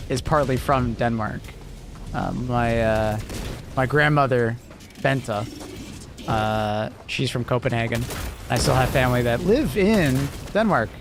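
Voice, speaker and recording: A young Canadian streamer with a mild, almost American accent speaks at medium pitch over a little hiss or hum. He chats in a laid-back, rambling way on his live stream, dropping lots of fillers and chuckling.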